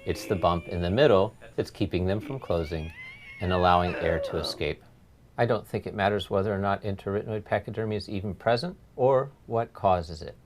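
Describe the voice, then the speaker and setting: Low-voiced man narrating medical lecture. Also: brisk, slight background noise. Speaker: laryngologist lecturer.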